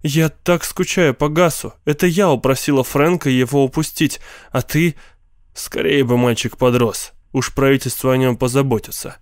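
A man reading a story aloud and voicing a gentle, tearful young wife who pleads with her husband in a softly raised voice. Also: medium pitch, moderate pace, no echo, studio quality, close to an everyday voice. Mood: wistful.

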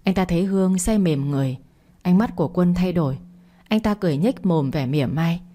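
A woman's voice: on the low side, lively intonation, a little fast, dark tone. A woman reading a dramatic story aloud, voicing every character in much the same voice. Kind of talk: scripted narration of a drama story.

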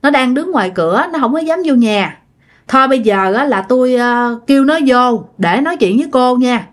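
Brief: woman voicing a self-assured male medium, Southern Vietnamese, plain fairly high voice. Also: animated, moderate pace. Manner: assured, explanatory. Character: calm, knowing male spirit medium.

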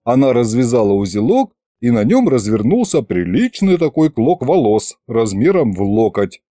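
A man reading an audiobook in the first person, telling the story in a lively, wry way. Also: mid-range voice, moderate pace, no echo, clean studio sound. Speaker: audiobook narrator.

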